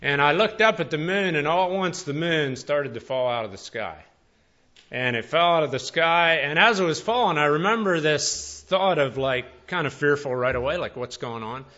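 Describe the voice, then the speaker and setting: Bright, slightly high male preacher, folksy storyteller, muffled lo-fi sound. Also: expressive. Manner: folksy, conversational, with many fillers and pauses. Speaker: pastor. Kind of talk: storytelling sermon.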